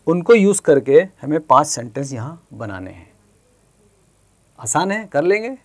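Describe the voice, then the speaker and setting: Indian man, teacher, patient explaining, slow delivery, fairly high voice. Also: big pitch swings. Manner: slow, patient explaining, reading sentences aloud slowly. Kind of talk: textbook lesson for children.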